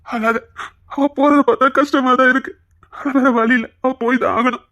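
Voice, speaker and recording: A woman with a Tirunelveli Tamil accent playing a family elder who calmly consoles and scolds a crying relative in a comic skit. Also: high-pitched, moderate pace, lo-fi sound. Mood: consoling.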